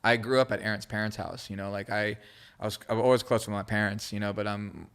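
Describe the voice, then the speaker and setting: Born in Israel and raised in California, a Hebrew-speaking creative director tells stories as a podcast guest in a casual, rambling, slangy way, heavy on fillers and restarting mid-thought. His voice is on the low side, bright and smooth with vocal fry, fairly even in intonation and quick in pace.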